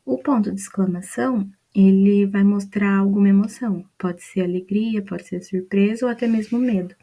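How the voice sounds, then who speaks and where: A Brazilian woman explains grammar one point at a time, often checking in with a quick "né?". Her voice is mellow and relaxed, sitting at a middle pitch. She keeps an unhurried, patient teaching rhythm. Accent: Brazilian Portuguese. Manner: patient, step-by-step explaining with "né?" and "então". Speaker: student presenting a study mind map. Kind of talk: explaining grammar from a mind map.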